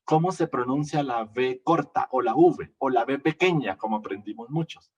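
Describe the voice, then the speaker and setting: A man preaching a sermon in a church, teaching slowly, repeating his phrases and asking the congregation questions. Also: mid-range voice, slightly rough, distant mic, muffled recording.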